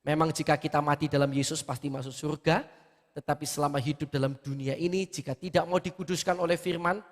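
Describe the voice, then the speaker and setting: Male pastor, high and lively delivery, sermon in a reverberant church hall. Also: fast talker. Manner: animated, with many rhetorical questions.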